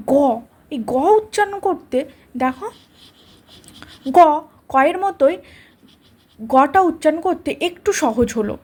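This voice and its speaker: Female teacher, high register, patient and repetitive, spells out each letter slowly and checks in with students. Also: darkish tone. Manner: patient, repeats letters slowly, asks "ঠিক আছে?". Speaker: grammar teacher. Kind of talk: explaining a lesson to students.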